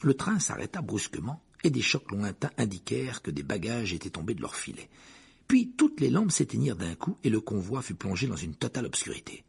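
A man narrating an audiobook with expressive storytelling. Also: on the low side, brisk, vocal fry, husky.

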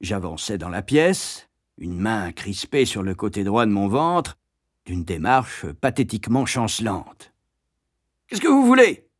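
A man narrating a memoir as an audiobook, with expressive, lively storytelling. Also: on the low side, measured pace, dry recording, clean studio sound.

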